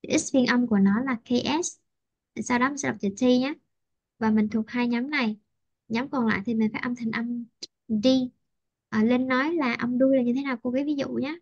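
A woman teacher, patiently coaching English pronunciation over a video call, repeating words slowly. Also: fairly high pitch, steady tone, no room sound. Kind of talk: online pronunciation tutoring. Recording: dry, lo-fi call audio.

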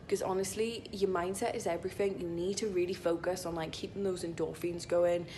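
Filming a casual vlog in a gym locker room indoors, this young IT consultant talks into a phone at arm's length, drifting from thought to thought and filling her speech with "like." She has a fairly low, dark voice and a steady tone, speaks a little fast, and there's a faint hiss or hum.

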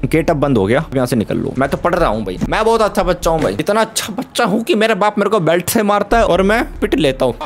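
Young male gamer, high voice, playful pleading commentary, faint hiss; for horror let's-play. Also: lively intonation, quick pace, few pauses. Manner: playful, pleading with game characters, mixes English words. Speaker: gaming YouTuber.

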